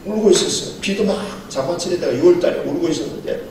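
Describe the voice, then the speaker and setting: A man's voice: high voice, fast talker, darkish tone. A middle-aged man, a pastor, preaching a seminar sermon with a storytelling manner and acting out dialogue. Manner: storytelling, acts out dialogue, chuckles often. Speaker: pastor giving a seminar lecture. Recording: very echoey hall, mic far off, faint noise.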